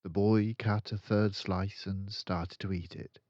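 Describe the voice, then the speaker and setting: Older guy reading a kids book, slow and lively, bit muffled and roomy. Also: on the low side. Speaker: storyteller reading a children's book. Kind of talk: expressive read-aloud narration.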